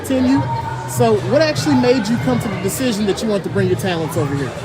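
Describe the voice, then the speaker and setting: A woman's voice: medium pitch, fast. A woman doing casual, upbeat on-the-spot interviews at a youth football event, hyping up each player in a slangy way. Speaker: sideline interviewer. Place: outdoor sports event. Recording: crowd and music behind.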